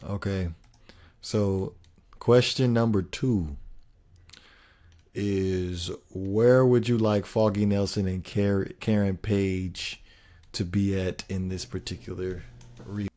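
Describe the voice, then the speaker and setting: A man's voice: sits low, steady tone, slow, long pauses, dark tone. A man co-hosting a casual fan podcast, laid-back and a bit hesitant, putting questions to his partner. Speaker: podcast co-host.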